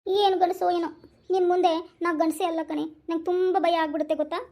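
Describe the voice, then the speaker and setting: A fearful young village husband speaks, whining and pleading in a small voice, as a woman acts him out. The voice sits very high, like a cartoon villager. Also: steady tone, fast talker, warm tone. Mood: whimpering.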